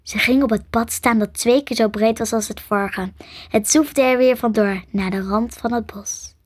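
A woman narrating a storybook, her voice soft and half-whispered, pitched a little high. The recording is dry and close, with no room sound. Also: fairly even intonation, normal speed, no room sound. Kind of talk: storybook reading.

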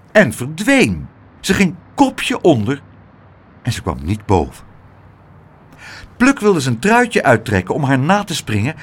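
A man reading a children's story aloud in a lively, expressive way. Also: fairly high pitch, slight background noise. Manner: animated, expressive.

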